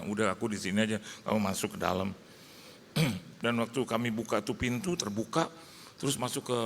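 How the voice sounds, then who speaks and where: A male pastor telling a humorous story in a sermon, acting out dialogue and shouting prayers. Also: medium pitch, in a large hall, a little hiss or hum.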